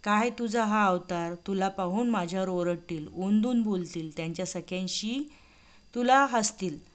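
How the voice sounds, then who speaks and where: A woman voicing a nervous young palace maid in a devotional story, asking quick anxious questions. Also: mid-range voice, natural voice.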